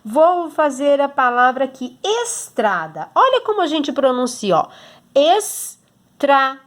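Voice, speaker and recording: A woman's voice: high voice, animated, moderate pace. A woman with a Brazilian Portuguese accent, a teacher explaining a homework exercise to children patiently, step by step, checking in often. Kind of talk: recorded homework lesson for children.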